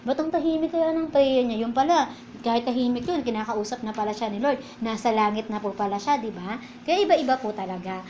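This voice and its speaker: A woman's voice: fairly high pitch, fairly quick, darkish tone, lo-fi sound, slight background noise. A woman with a Filipino accent preaching a sermon in a church, in a conversational way and often checking in with her listeners. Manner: conversational preaching, keeps asking di ba.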